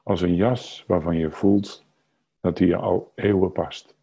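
A man leading a guided meditation, speaking calmly and unhurriedly in short phrases with long pauses and a husky, soft-edged voice. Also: deep voice. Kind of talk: slow guided meditation narration.

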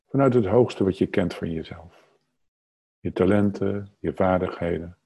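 A man leading a guided meditation, speaking calmly and unhurriedly in short phrases with long pauses and a husky, soft-edged voice. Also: low voice. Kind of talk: slow guided meditation narration.

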